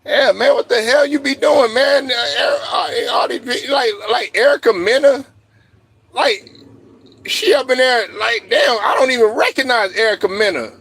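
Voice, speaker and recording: A man hosting a livestream, ranting loudly and profanely and laughing as he goes. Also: extremely high pitch, moderate pace, gravelly, husky. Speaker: streamer host. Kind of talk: livestream rant.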